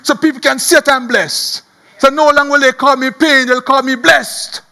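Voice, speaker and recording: A man's voice: very high voice, steady tone, normal speed, gravelly, sharp tone, heavily acted. A man preaching a sermon, voicing a desperate young man earnestly begging God for blessing. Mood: pleading. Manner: pleading, earnest.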